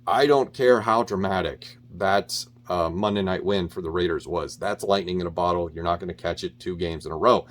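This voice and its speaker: A man talking through his weekly football picks in a casual, opinionated way, with frequent ums and restarts. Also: sits low. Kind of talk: casual solo sports picks talk.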